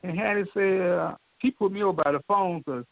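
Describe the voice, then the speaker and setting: An older man telling an animated story in a folksy way, repeating himself and addressing the listener directly. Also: high-pitched, a little fast, creaky, no room sound. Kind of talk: excited storytelling. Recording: dry, tinny phone line.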